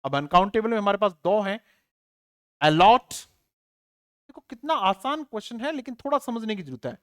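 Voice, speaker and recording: A man teaches an online exam-prep grammar lesson in a steady classroom drill. He poses question after question and answers each one himself, repeating the key word and sometimes spelling it out letter by letter. He urges his students on in a friendly, informal tone. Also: high voice, normal speed.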